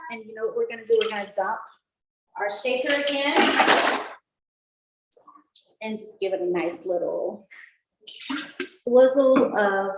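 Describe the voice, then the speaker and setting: A woman hosting a casual online cocktail class, chatty and upbeat, explaining each step as she mixes. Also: on the high side. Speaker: mixology instructor. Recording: echoey room with faint noise.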